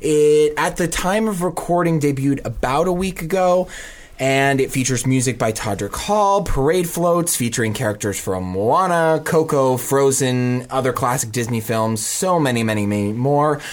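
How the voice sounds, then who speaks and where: A man's voice: mid-range voice, lively intonation, normal speed. A man co-hosting a podcast in casual, conversational chat. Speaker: podcast co-host.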